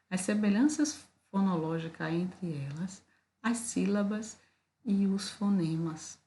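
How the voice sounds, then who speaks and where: A woman's voice: mid-range voice, warm tone. A woman with a Brazilian Portuguese accent giving a video lecture, explaining step by step and checking in with "tá?" and "né?". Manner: explanatory, with frequent "tá?" and "né?" check-ins. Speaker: teacher.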